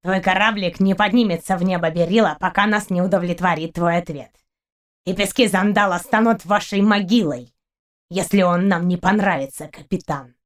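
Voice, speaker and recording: A woman's voice: fairly low pitch, normal speed, natural voice. A woman putting on a menacing male pirate.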